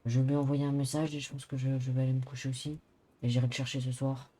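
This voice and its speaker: Man acting a mellow English-accented fellow, hesitant broken French. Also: mid-range voice, completely flat delivery, fast, a little hiss or hum, close to an everyday voice. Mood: worried, hesitant. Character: mild, worried, clumsy Englishman living in a city, speaking some French. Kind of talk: improvised online role-play.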